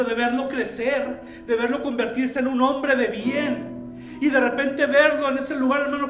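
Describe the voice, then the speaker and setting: High-voiced impassioned male preacher. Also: highs cut off. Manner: impassioned, addressing the congregation directly. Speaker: pastor. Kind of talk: sermon. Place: church. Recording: echoey church with faint music.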